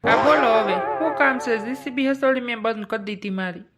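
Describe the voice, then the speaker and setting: A woman's voice: on the high side, quick pace, loud music behind the voice, natural voice. A woman voicing an impatient young male digger operator in a cartoon comedy, speaking in a brusque, self-important way with a Kathiawadi Gujarati accent.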